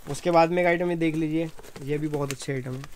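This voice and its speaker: Fast-talking young shopkeeper, monotone patter. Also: male voice, fairly high pitch, a little hiss or hum. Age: young adult. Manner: rapid salesman patter, rattles off prices; repeats "haan ji" agreement. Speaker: wholesale shop owner. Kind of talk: product walkthrough. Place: cramped indoor bag shop.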